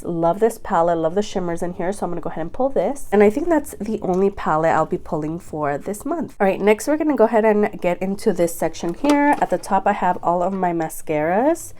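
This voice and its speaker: A woman's voice: medium pitch, a little mellow. Young woman w a stuffy nasal voice from being sick, chatty makeup vlog, faint background hiss. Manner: chatty, upbeat, says "girl" and "go ahead". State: congested, nasal from a cold. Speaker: makeup vlogger. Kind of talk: casual chat to camera.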